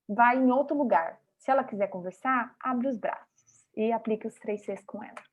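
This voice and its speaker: A high-voiced woman delivers a motivational talk in short, emphatic, rhythmic phrases, addressing her listeners directly. The recording is dull and lo-fi. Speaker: speaker at a vegan festival talk.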